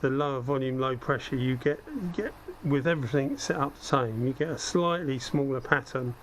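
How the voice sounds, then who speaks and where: Speaking at a normal speed in a medium pitch, a hobbyist host with a slightly croaky voice, likely from a cold, demonstrates spray gun equipment hands-on. The talk is casual and conversational, with thinking aloud and self-deprecating asides as he works. A head-mounted action camera records it amid steady workspace noise.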